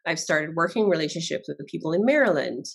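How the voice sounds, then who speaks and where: A woman's voice: sits low, lively intonation, fast, vocal fry, breathy edge. A woman from Barbados, a guest chatting casually in an interview and laughing often.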